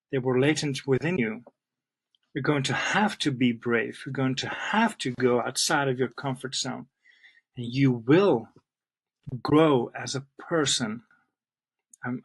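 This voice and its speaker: A middle-aged Flemish man speaks English with his native accent, talking straight to the camera as a language teacher. He sounds earnest and heartfelt, and he addresses the viewer warmly. His voice sits at an ordinary male pitch. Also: low-quality recording. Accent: Flemish Belgian. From Belgium (Flanders, near Antwerp). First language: Dutch (Flemish). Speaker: language teacher and channel host. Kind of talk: personal channel introduction to camera.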